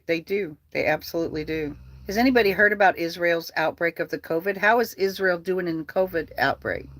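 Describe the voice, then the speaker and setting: A heated political vlogger rants in a profane, repetitive way, circling back to the same complaints again and again. The voice sits at a middle pitch and sounds dry and close. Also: fairly bright tone, no room sound. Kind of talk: angry political rant.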